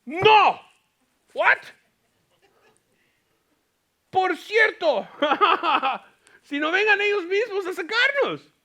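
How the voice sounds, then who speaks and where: A lively man preaching a Bible lesson in a church, his high voice rising sharply when he stresses a point and falling soft when he turns serious. His tone is bright and forceful, and he slips English words into his teaching. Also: takes it slowly. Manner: animated, mixes English words into Spanish, acts out Paul's lines. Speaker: pastor. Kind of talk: bilingual Bible teaching sermon.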